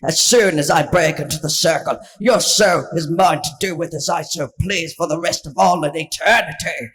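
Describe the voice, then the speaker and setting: A man voicing a loud, gloating dolphin spirit. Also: sits high, pitched above the performer's own voice. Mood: menacing. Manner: loud, drawn-out, taunting. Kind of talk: audiobook character voice.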